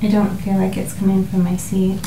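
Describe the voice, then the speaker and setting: A woman's voice: mid-range voice, monotone, brisk. A woman on a paranormal investigation, chatting casually with the group and talking to a ghost. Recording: echoey room with clear background noise.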